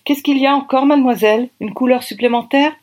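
Brief: narrator putting on a curt commanding costume boss, raised pitch. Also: female voice, fairly even intonation, fast, darkish tone, lightly acted. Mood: dry, teasing. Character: brisk bossy woman costume chief.

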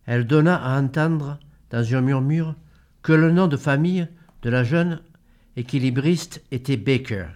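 Casting: man reading a literary audiobook, measured, plain mid-range voice. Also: medium pitch, a little mellow. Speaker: audiobook reader. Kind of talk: read-aloud literary narration.

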